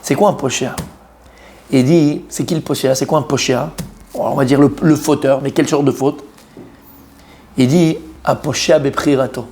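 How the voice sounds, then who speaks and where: A faint hiss or hum sits under this French Torah class, where the male teacher speaks in a mid-range voice at a moderate pace with long pauses. He is animated, poses questions to his students, repeats central ideas and drops in Hebrew terms.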